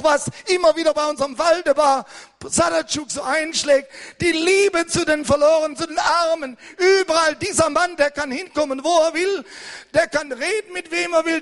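An older man preaching an impassioned sermon as pastor, hurried and fervent, at times rising to a shout. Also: extremely high pitch.

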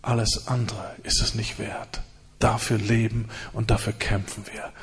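A man preaching and leading prayer with fervor, in repeated rising phrases and hushed stretches. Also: fairly low pitch, little pitch movement, measured pace, husky. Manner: fervent, repetitive prayer cadence with hushed stretches. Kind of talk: sermon and prayer.

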